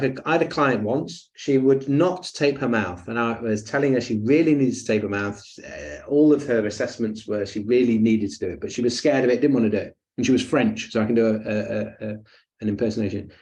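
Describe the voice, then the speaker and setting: A man's voice: medium pitch, darkish tone. A man teaching a breathing webinar in a chatty, jokey way with lots of fillers and asides. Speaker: breathing coach.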